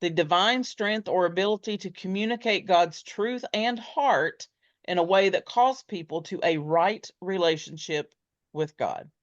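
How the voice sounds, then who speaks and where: A woman's voice: lowish voice, a little slow, no room sound. A woman co-hosting a casual faith podcast, candid and dryly funny, laughing easily. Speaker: podcast co-host. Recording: dull, slightly muffled sound.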